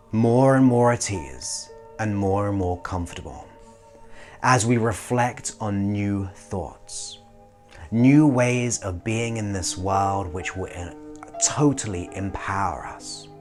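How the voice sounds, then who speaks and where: A man leading a guided hypnosis as a slow, soothing countdown, pausing between short phrases. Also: fairly low pitch, a little mellow. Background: music.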